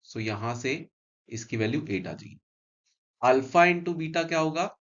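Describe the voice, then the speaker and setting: A man's voice: medium pitch, animated, very fast, a bit bright, highs cut off. A man with an Indian accent teaching maths step by step, mixing English and Hindi, repeating phrases and checking understanding with short questions.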